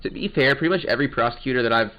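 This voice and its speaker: A man's voice: medium pitch, racing, sharp tone, dull audio. Chatty man doing game commentary. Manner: chatty, joking asides. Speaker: game playthrough narrator. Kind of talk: casual gaming commentary.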